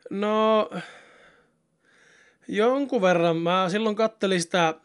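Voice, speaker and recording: A man's voice: high-pitched, smooth. A man in casual conversation, talking in a rambling, chatty way with many fillers. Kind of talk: casual chat.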